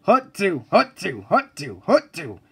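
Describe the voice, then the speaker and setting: Cartoon male drill instructor: high, husky, blustering, barking military commands. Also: wildly swooping pitch, slow pace, fairly bright tone, heavily acted. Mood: commanding. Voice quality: gravelly, husky. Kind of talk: cartoon voice acting.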